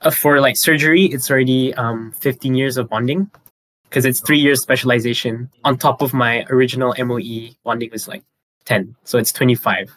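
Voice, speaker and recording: A man's voice: mid-range voice, fairly even intonation, fairly quick, fairly bright tone. A young man of about nineteen, chatting as a podcast co-host and explaining things earnestly, step by step. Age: teens. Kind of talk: casual chat.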